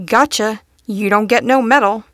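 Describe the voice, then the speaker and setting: A woman's voice: fairly high pitch, steady tone, moderate pace, fairly bright tone, no room sound, clean studio sound, close to an everyday voice. A woman voicing a giddy male butterfly who rambles through quotes and songs in a playful, sing-song way. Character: giddy dandy male butterfly, quoting nonsense.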